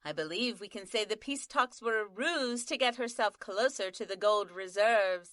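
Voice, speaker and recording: A woman's voice: mid-range voice, moderate pace, a bit bright, dry recording, clean studio sound, natural voice. A woman voicing a melodramatic on-scene news reporter, narrating the action as it happens. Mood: dramatic. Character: breathless female news reporter.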